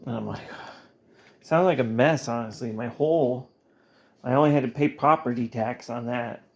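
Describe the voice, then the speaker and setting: A man telling a rambling comic monologue in a deadpan, mock-earnest way, halting with pauses and fillers. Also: mid-range voice, gravelly. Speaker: comedian.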